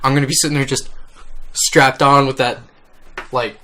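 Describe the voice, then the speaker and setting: Man, podcast co-host, casual game news chat, bright forceful tone, excitable, swears a lot. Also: mid-range voice, normal speed.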